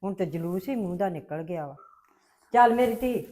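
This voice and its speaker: A woman's voice: high-pitched, normal speed, lightly acted. An actress playing a well-meaning, flustered mother. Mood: consoling. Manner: flustered, defensive. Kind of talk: web drama acting.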